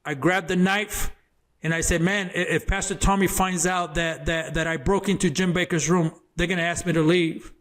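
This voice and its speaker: Guy sharing his testimony on an interview show, kinda high voice, earnest, repeats words as he builds up. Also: fairly even intonation, normal speed, a bit bright. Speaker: interview guest, former gang member. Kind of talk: emotional personal testimony told as a story.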